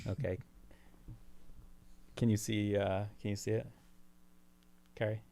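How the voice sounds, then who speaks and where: A man's voice: fairly low pitch, flat delivery, vocal fry, mellow. A man hosting a live music stream in a casual, rambling way, often stopping to restart his sentences and laugh. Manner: rambling, self-interrupting, quick to laugh. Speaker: host.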